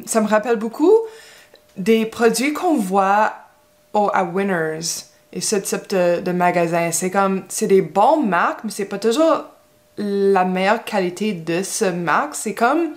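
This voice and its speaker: Slow, hesitant woman from Quebec, English speaker in French. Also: mid-range voice. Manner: hesitant and chatty, with many restarts and fillers. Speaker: beauty vlogger. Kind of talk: casual chat while doing makeup.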